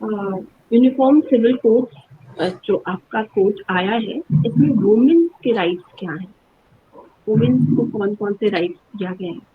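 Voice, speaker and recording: A woman's voice: medium pitch, very fast. A woman with an Indian accent puts questions as a contest judge through a tinny, noisy connection. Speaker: competition judge asking questions. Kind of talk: questioning in mixed Hindi and English. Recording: tinny phone-like sound, background noise.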